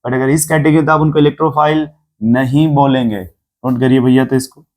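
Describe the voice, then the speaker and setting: A man's voice: medium pitch, flat delivery, moderate pace, a little mellow. A man teaching a chemistry class, lecturing and constantly asking the students questions. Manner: mixes English terms into Hindi explanation.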